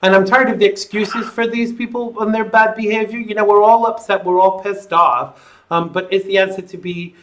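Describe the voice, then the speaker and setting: A man's voice: high-pitched, fairly even intonation, normal speed, a bit bright. A man hosting a live call-in show, talking in an opinionated, sardonic and conversational way.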